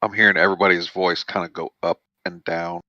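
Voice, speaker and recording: A man's voice: deep voice, little pitch movement, brisk, bright, forceful tone, no room sound, lo-fi sound. A man playing in a tabletop game, making short matter-of-fact remarks over an online call. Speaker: player. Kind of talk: casual chat.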